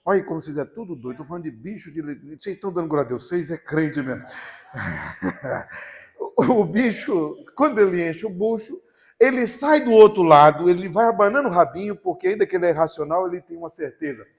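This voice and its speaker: A young man with a Brazilian Portuguese accent, preaching a live sermon to a congregation as an animated, humorous storyteller who swings between loud and hushed. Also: high voice, a little fast. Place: church before a congregation.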